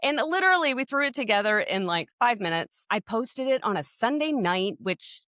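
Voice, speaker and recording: A woman's voice: a little high, big pitch swings, moderate pace, pushed and bright, no echo, studio quality. A woman, co-hosting a podcast, telling a story in a rambling way full of restarts and fillers. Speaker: podcast co-host. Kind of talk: casual podcast chat.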